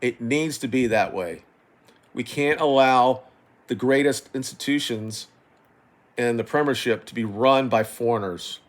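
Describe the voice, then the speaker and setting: Rambling, exasperated middle-aged man on a rant. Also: mid-range voice. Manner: rambling, halting, frequently doubling back; exasperated, swearing. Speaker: football fan commentator. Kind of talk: unscripted opinion rant about football.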